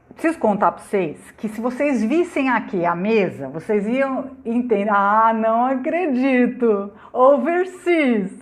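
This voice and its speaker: A middle-aged Brazilian woman hosting a casual live stream from her phone, loud and chatty, greeting viewers by name and laughing often. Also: a little high. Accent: Brazilian Portuguese. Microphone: phone on laptop.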